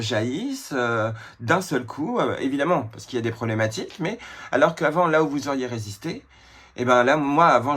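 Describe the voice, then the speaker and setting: A man reading tarot cards who talks in a casual spiritual vlog style, confiding and emotional, with many filler sounds and restarts. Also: medium pitch. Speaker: tarot card reader.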